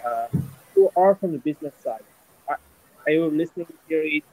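A man with a fairly high voice asks his question in halting, hesitant bursts, full of fillers and restarts. His audio comes through a computer mic on a video call and sounds muffled and glitchy, breaking up and cutting out. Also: lively intonation, a little mellow. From Europe. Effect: glitchy, muffled call audio that keeps cutting out. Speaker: developer asking a question.

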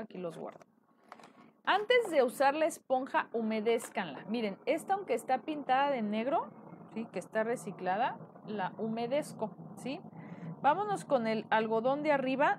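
A woman's voice: a little high, a little hiss or hum. Chatty Mexican woman teaching painting. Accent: Mexican Spanish. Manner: chatty, asks viewers questions often. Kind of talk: live painting tutorial.

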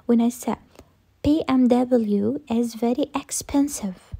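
High, gravelly-voiced woman teaching grammar. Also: takes it slowly, warm tone. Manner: repeats each rule and answers her own questions. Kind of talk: recorded classroom lesson.

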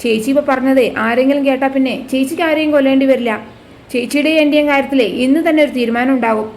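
A woman's voice: high voice, quick pace, darkish tone, a little hiss or hum. A woman voicing a cautious, worried man who is the villainess's younger accomplice. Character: anxious loyal younger brother, accomplice man.

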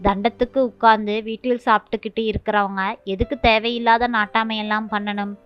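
A woman's voice: medium pitch, flat delivery, brisk, clear, resonant tone, close to an everyday voice. A scornful haughty young wife, as a woman reads her lines. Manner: scornful, contemptuous. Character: arrogant haughty young daughter-in-law. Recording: dull lo-fi with faint music.

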